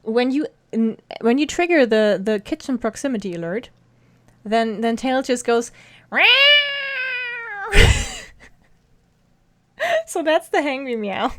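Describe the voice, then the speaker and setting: A woman's voice: on the high side, expressive, moderate pace, a little mellow. A woman streaming a video game, chatting casually with viewers, giggling often and talking to her cat. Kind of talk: casual live-stream chat while gaming.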